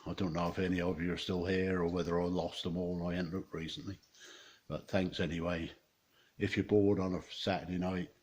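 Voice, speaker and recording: A man with an East Anglian Norfolk accent, chatting casually and colloquially in a laid-back vlog style. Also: low voice. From Norfolk, England. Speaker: host of a small video channel. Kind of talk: casual rambling vlog chat and joke-telling.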